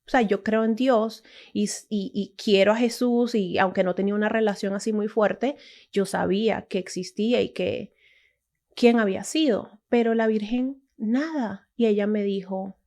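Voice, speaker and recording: A woman's voice: medium pitch, normal speed, a little mellow. A woman from Latin America telling a casual, emotional personal testimony, full of restarts and asides. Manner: emotional, storytelling, many restarts and "o sea". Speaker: testimony speaker.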